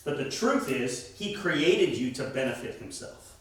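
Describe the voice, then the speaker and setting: A man leads a Bible lesson in an emphatic way, putting questions to the class. His voice sits a little high. It rings through a very echoey room, picked up from some distance. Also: very animated, measured pace, fairly bright tone. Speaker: church teacher.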